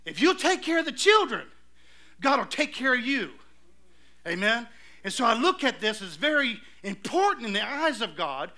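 A man's voice: very high-pitched, big pitch swings, moderate pace, sharp tone. A man preaching a storytelling sermon in a church, punctuating his points with calls of amen. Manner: storytelling, exclamatory, calls for amens. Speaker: pastor. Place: church sanctuary.

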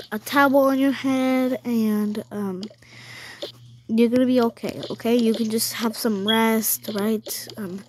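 A woman's voice: a little high, a little mellow, slight background noise. Chatty woman narrating a pretend-play game. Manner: caring, chatty, soothing. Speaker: toy-game role-player.

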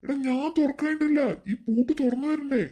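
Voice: high voice, fairly even intonation, normal speed, dark tone, a little hiss or hum, close to an everyday voice. A voice actor playing an aging, slightly deaf burglar boss in a cartoon, bossy and grumbling.

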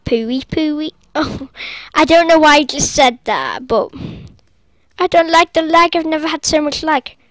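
A woman casually narrating her gameplay from bed, rambling, breaking into squeals and quick apologies. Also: high-pitched, expressive, no echo. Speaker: gaming vlogger. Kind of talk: casual game commentary. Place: sitting up in bed at home. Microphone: laptop recording.

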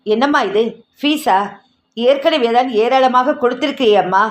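A woman reading the lines of a kind, frank family doctor in a gentle, matter-of-fact way. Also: high-pitched, moderate pace, reverberant, lightly acted.

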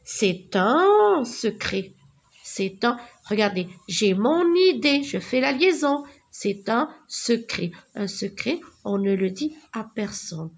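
A woman teaching young children to read, slowly repeating words and sounding out letters. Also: on the high side, big pitch swings, vocal fry, breathy edge. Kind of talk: reading lesson for young children.

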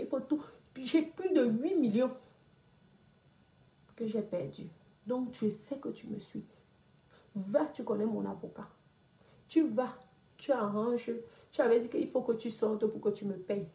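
A woman's voice: a little high, warm tone. A woman, scolding someone directly in a social media rant. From Cameroon. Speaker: property investor. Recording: roomy echo.

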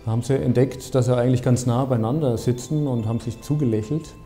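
A man in his fifties, an architect, explaining his building in a measured, thoughtful interview with frequent hesitations. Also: medium pitch, steady tone, dark tone, faint music behind. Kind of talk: documentary interview. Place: bright office, seated at a desk.

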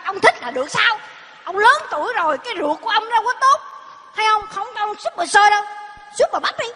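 A woman's voice: extremely high pitch, lively intonation, quick pace, bright, forceful tone, full character voice. A female comedian playing a cheeky young maid who talks back to her old master, on a live stage. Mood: sassy cheeky. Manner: sassy, talks back, calls herself "con". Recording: live stage with hall reverb and stage noise.

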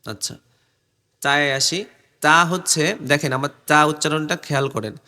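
A man's voice: on the high side, steady tone, sharp tone. A man teaching Arabic letter pronunciation, drilling syllables over and over and explaining step by step where the tongue and lips go. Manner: drills syllables slowly, repeating them many times; explains step by step, asks the viewer to watch his tongue. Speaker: Quran recitation teacher. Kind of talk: pronunciation lesson.

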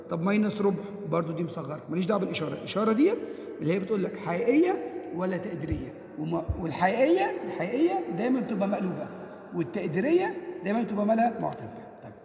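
A man's voice: sits high, vocal fry, a little mellow. A man with an Egyptian accent teaching an exam-prep lesson, asking himself questions and answering them, and repeating key points to drill them in. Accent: Egyptian Arabic. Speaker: physics teacher. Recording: echoey room with long reverb.

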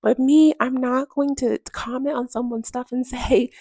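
A woman's voice: high-pitched, steady tone, moderate pace, warm tone, slightly rough, dry recording. A young woman in casual voice-over chat about her home and money, candid and emphatic, often firing off rhetorical questions. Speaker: home vlogger. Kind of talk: voice-over chat while cleaning.

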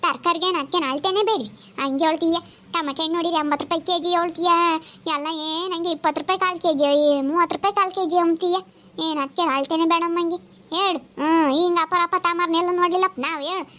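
Woman playing a squeaky-high village auntie scolding a vendor, rapid-fire. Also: fairly even intonation, bright, forceful tone. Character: loud, scolding village woman haggling over vegetables. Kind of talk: comedy sketch acting.

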